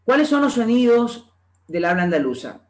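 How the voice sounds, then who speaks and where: Guy giving a talk, high voice, keeps saying example words out loud, echoey room. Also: sing-song, moderate pace. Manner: explanatory, repeats example words to demonstrate pronunciation. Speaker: lecturer at a reading club. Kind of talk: conference lecture.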